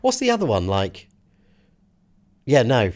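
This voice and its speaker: A man's voice: medium pitch, huge pitch swings, a little slow, a little mellow. A British man hosting a podcast in casual comic banter, rambling and hesitant, with dry teasing. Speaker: podcast host.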